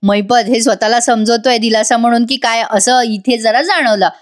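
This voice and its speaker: A woman recaps a TV serial episode in voice-over, chatting straight to her viewers. She slips English words into her talk, and her voice sits high. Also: moderate pace. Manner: chatty, addresses viewers directly. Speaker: TV serial reviewer.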